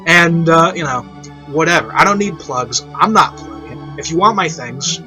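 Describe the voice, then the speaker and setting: An online reviewer hosts a casual, unscripted review show, rambling and repeating himself to drive his point home. His voice is on the high side, bright and forceful, at a measured pace. The lo-fi mic sounds dull, with orchestral and piano classical music playing behind him.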